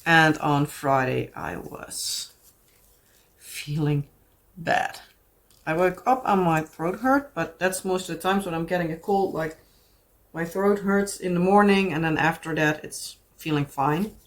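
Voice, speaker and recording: A low-pitched, unhurried woman with a Dutch accent, from the Netherlands, vlogs about crafts in a casual chat to camera. She's talkative and rambling, frequently using fillers and starting over.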